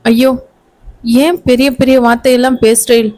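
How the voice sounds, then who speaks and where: Woman voicing a young bride, storybook figure, timid, tearful, pleading, soft, slightly high. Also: level tone, moderate pace, lightly acted.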